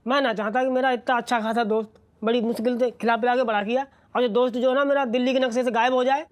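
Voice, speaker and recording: An actor playing a brash, indignant friend who rants in a comedy TV serial. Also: male voice, extremely high pitch, fairly even intonation, fast talker. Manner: brash and ranting. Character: loud, indignant loyal friend.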